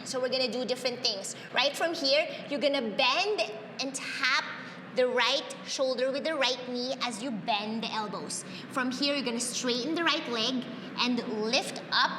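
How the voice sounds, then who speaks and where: In a reverberant, big-room setting with background noise, a high-pitched woman instructs a yoga class at a moderate pace. Her first language is Tagalog, and she cues breaths brightly, cheering often.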